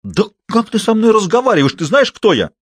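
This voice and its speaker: A man voicing a pushy, arrogant woman of about thirty, loud and challenging. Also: high-pitched, big pitch swings, brisk, husky, dry recording, studio quality, pitched above the performer's own voice, full character voice. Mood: shrill haughty.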